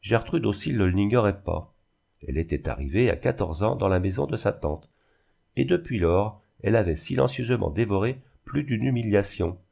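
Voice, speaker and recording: Narrateur homme, voix basse et rocailleuse, lecture posée d'un roman. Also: male voice, expressive, normal speed, creaky, warm tone, breathy edge. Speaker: reader. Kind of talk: scripted narration of a classic novel.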